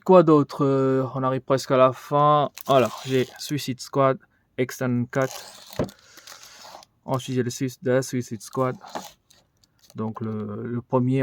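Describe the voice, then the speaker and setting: A man gives a relaxed tour of his collection for a vlog. He rambles and thinks out loud, with frequent fillers as he moves from shelf to shelf. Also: mid-range voice, vocal fry, a little hiss or hum. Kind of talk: casual room tour vlog. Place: indoors in a collection room.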